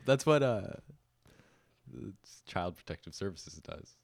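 A young man in casual chat, teasing his friend with dry, deadpan jokes. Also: low voice, unhurried, gravelly, dry recording. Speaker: podcast co-host.

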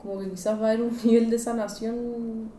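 A woman's voice: on the high side, level tone, fairly quick, dark tone, echoey room, far from the mic, slight background noise. A woman with a Chilean Spanish accent, a guest on a podcast, talking in a casual, thoughtful way, hedging often and using slang. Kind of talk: casual chat.

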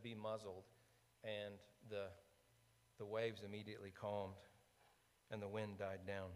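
A man preaching a conversational sermon, asking the congregation questions and dropping to a hushed voice to stress key points. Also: on the low side. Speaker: pastor. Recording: long reverb of a large hall.

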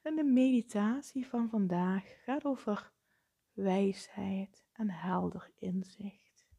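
A woman leading a guided meditation, speaking softly with frequent breathy, half-whispered phrases. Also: medium pitch. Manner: slow, soft-spoken, often breathy and whispered.

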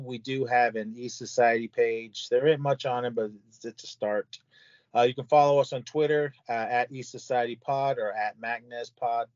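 A man's voice: mid-range voice, no echo. An older man, a podcast guest, rambling casually with lots of fillers. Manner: rambling, filler-heavy plugs. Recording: dry, dull lo-fi audio.

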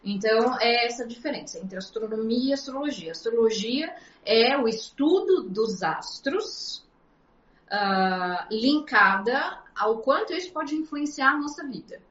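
Woman guest, higher voice, explains earnestly, echoey lo-fi room. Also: animated, unhurried, a bit bright. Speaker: astrologer guest. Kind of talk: casual interview chat. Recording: echoey, dull lo-fi sound.

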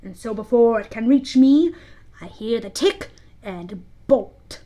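A woman voicing a vain, brooding, menacing pirate captain from a storybook, with dark, theatrical, emphatic delivery. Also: a little high, expressive, slow. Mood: haunted dread.

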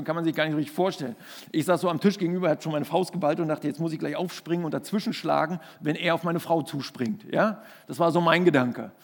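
A man's voice: a little high, long reverb tail. A man preaching a sermon, telling a personal story in an earnest, conversational way and often restarting his sentences.

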